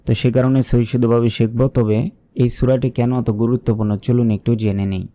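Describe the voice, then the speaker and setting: A man with a Bangladeshi Bengali accent teaching a Quran recitation lesson, explaining pronunciation and chanting verses slowly. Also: medium pitch, steady tone, mellow.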